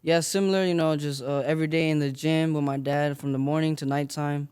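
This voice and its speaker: A man's voice: on the high side, fairly even intonation, fairly quick, a little mellow, clean tone. A young man from Las Vegas, giving modest, filler-laden answers as a boxer in an interview. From Las Vegas, Nevada. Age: young adult. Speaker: boxer guest.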